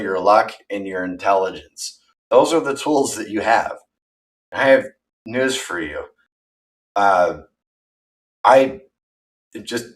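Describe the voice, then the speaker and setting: A man in his thirties chatting casually on a livestream, rambling and candid, poking fun at himself. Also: fairly low pitch. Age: 30s. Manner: rambling, candid and self-deprecating. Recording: voice from far off the mic.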